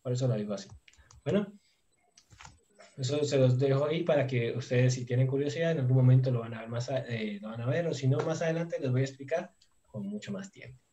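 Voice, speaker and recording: A man teaching a language lesson online, thinking aloud with many fillers and slowly drilling conjugations. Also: medium pitch, dark tone, dull audio, a little hiss or hum. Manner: slow, drawn-out drilling of conjugations. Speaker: Turkish teacher.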